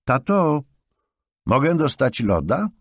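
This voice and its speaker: Guy putting on a squeaky little kid voice, all eager and loud, audiobook. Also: big pitch swings, slow pace, no echo, studio quality, full character voice. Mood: excited. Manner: eager, shouting. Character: small excited boy.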